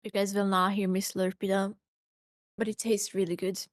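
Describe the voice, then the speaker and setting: A woman's voice: medium pitch, little pitch movement, normal speed, no room sound. A woman co-hosting a casual streamed podcast, playful and giggly, who swears freely. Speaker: podcast co-host. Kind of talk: casual chat on a live stream.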